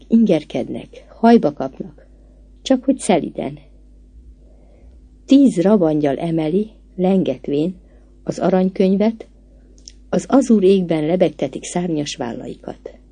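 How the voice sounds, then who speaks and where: A woman reading classic literary prose aloud in a measured, expressive audiobook narration. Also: fairly low pitch, husky.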